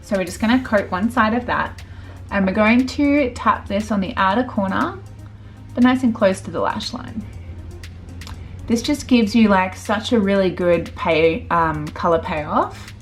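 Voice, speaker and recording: A woman's voice: mid-range voice, measured pace, faint music behind. A woman, a makeup artist chatting casually through a tutorial with lots of fillers. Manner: chatty, filler-heavy, relaxed.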